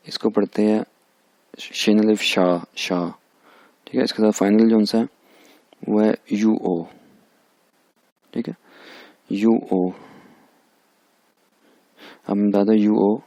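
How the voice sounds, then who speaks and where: गहरी खरखराती आवाज़ वाला पुरुष शिक्षक. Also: male voice, fairly low pitch, vocal fry, mellow, no room sound. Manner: repeats each sound many times, patient and drilling. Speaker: language teacher. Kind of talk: recorded language lecture over slides.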